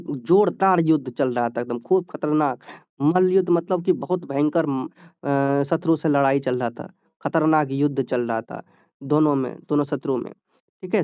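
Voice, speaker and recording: Male teacher, clear higher voice, explains a textbook story line by line. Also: a little mellow, no echo, dull audio. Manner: reads a passage, then explains it in plain talk with "ठीक है?" checks.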